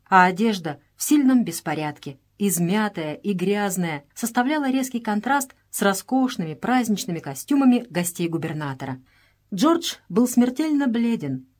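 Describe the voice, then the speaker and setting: A woman narrating a novel in a measured, expressive reading voice. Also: mid-range voice.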